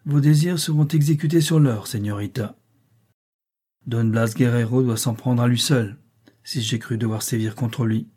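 A man's voice: medium pitch, normal speed, dark tone, breathy edge, natural voice. Man voicing a cold polite captor. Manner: cold, formal, controlled.

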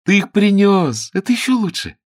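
A man voicing a cheerful, affectionate young actress in a high, girlish voice, reading an audiobook. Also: very animated, normal speed. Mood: bubbly. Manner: bubbly, coaxing.

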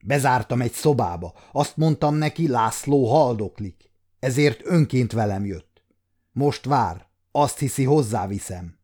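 A man's voice: medium pitch, lively intonation, a little mellow, lightly acted. A man in his fifties voicing a scheming courtier who reports his deceit in a sly, matter-of-fact way. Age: 50s.

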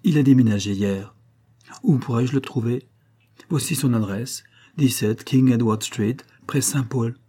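A man's voice: mid-range voice, a little slow, mellow, husky. A man reading an audiobook, voicing an indignant middle-aged red-haired pawnbroker telling his story. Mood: aggrieved.

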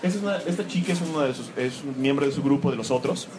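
Before an audience in a room, a fast-talking man with a mid-range voice gives a live, joking talk about comics. Self-mocking remarks and animated asides fill his delivery, and crowd noise is clearly heard behind him.

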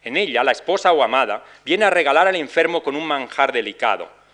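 Measured male lecturer, bright tone. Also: medium pitch, expressive. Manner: measured, reads ballad verses with slower cadence. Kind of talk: academic lecture reading quoted ballads. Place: lecture hall.

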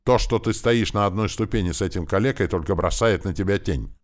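A man's voice: a little fast, lightly acted. A man voicing a desperate, defiant noblewoman who pleads with her son, in an audiobook. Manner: pleading, rising to shrill defiance. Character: desperate aging noblewoman, a prince's mother, defiant.

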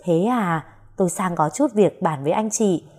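A woman voicing a stout, fierce older village woman with a gruff deep voice and a domineering manner. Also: moderate pace, a little mellow.

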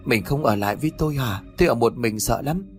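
A man voicing a sharp-tongued village woman who is frightened, speaking in a shrill, pleading way. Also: expressive, fast talker, soft background music, close to an everyday voice. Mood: anxious.

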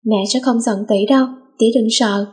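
A woman voicing a gentle younger brother who comforts his sister in a read-aloud story. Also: a little high, fairly even intonation, normal speed, slightly rough. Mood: comforting. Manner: soothing and reassuring.

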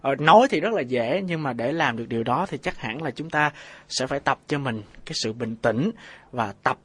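A man's voice: mid-range voice, animated, brisk, a bit bright, husky. A man co-hosting a radio advice show, sharing opinions on relationships in a reflective, tentative, conversational way.

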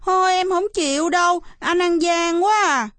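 A woman voicing a timid little girl in a storybook reading, speaking in a high, childish, pleading whine. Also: a little slow, dry recording. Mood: whiny protest.

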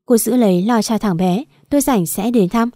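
A woman's voice: mid-range voice, moderate pace, warm tone, no echo, clean studio sound, natural voice. A woman reading as a cool arrogant rich man.

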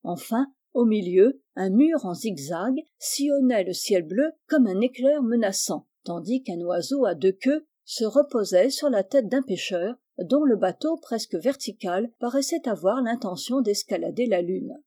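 A woman reading a children's novel aloud, clear and evenly paced in her storybook narration. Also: mid-range voice, animated, measured pace, few pauses, mellow. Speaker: audiobook reader.

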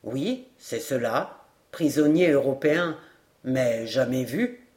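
A woman voicing a French army sergeant who speaks slowly, deliberately and firmly in an audiobook reading. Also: very deep voice, lively intonation, a little mellow, pitched below the performer's own voice, heavily acted. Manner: slow, deliberate and firm. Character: old French army sergeant, slow and certain.

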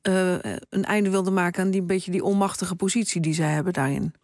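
Brisk woman news presenter. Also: lowish voice, steady tone, darkish tone, no echo, clean studio sound. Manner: brisk, direct questions. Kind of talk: live news radio interview.

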